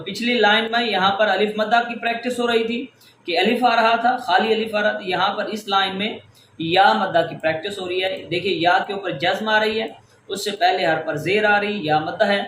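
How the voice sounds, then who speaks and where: A tajweed lesson from a male Quran recitation teacher, who patiently walks through each rule and draws out example words. His high, slightly bright voice comes through an echoey room with faint ambience and a little hiss or hum.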